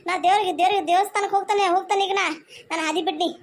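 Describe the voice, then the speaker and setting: A devout young wife from a cartoon, voiced by a woman, pleading tearfully in a North Karnataka accent. Her voice is very high and thin. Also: fairly even intonation, racing, background noise. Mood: hurt. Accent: North Karnataka Kannada.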